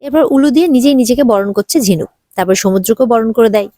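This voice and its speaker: A woman's voice: fairly high pitch, quick pace, dark tone, no room sound, studio quality. A woman narrating a casual, chatty recap of a TV serial episode, restarting her sentences now and then.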